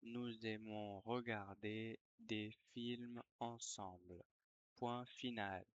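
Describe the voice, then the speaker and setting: A teacher dictating slowly to language learners, word by word, repeating phrases and calling out punctuation. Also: medium pitch, fairly even intonation, highs cut off. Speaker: French teacher.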